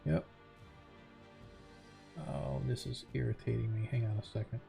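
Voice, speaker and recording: A man's voice: mid-range voice, steady tone, a little slow, creaky, mellow, faint music behind. A man casually running an online tabletop roleplaying game as its game master.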